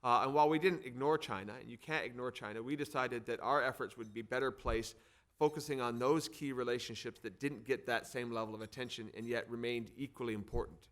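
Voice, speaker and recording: Speaking a little fast in a mid-range, slightly bright voice, this middle-aged think tank head from Arizona hosts an event and introduces the speakers. His American-accented remarks are semi-formal, partly off the cuff, with words repeated for emphasis.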